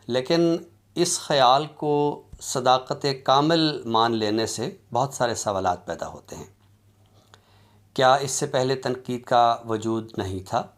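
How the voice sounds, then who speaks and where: Delivering a formal literature lecture in an academic setting, this Urdu-accented man keeps a mid-range voice. His delivery is deliberate and measured, broken by pauses and long, drawn-out fillers.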